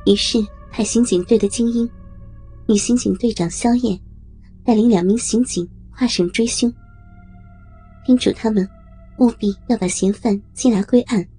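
A woman narrating an audio story with a steady, measured reading. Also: a little high. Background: faint music.

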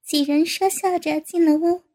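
Woman narrator, very high voice, steady storybook reading. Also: normal speed.

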